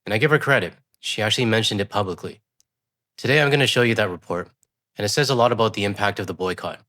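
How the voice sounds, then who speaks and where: Man, congested, quick pace, lowish voice, direct commentary host. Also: bright, forceful tone. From West Coast of Canada. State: congested from a cold. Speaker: news commentary channel host. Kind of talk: casual commentary.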